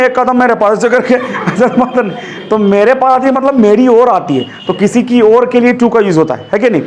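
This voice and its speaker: High-voiced chatty male teacher. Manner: chatty, joking, asks "है कि नहीं?" often. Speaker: English teacher. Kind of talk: classroom lesson. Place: classroom with students.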